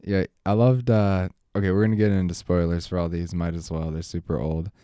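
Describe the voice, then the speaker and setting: Low-voiced guy riffing sarcastically on movies, dry room. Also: flat delivery, fairly quick, dark tone, no echo. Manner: opinionated, sarcastic. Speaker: podcast co-host. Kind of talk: casual movie review chat.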